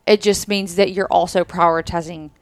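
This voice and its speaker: Speaking at a normal pace with a lowish, fairly even voice and no room sound, a twenty-something woman chats casually on a podcast at a trade expo. She co-hosts alongside her husband and muses openly, hedging as she goes.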